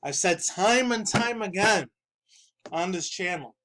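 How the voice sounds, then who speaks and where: A man in his thirties, a bit stuffy-nosed from dust, rambles casually and profanely through gaming news in his room for a video, laughing often. His voice is high, expressive, pushed and bright, and a little slow.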